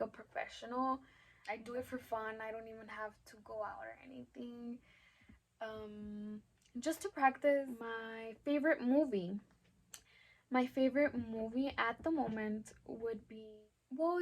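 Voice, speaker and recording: A woman's voice: on the high side, vocal fry. A woman in her twenties with an El Paso Texan accent, talking casually to camera in a Q&A, with lots of "um"s and "like"s. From Texas, USA. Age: 20s. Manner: chatty, many "um"s and "like"s. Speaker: vlogger.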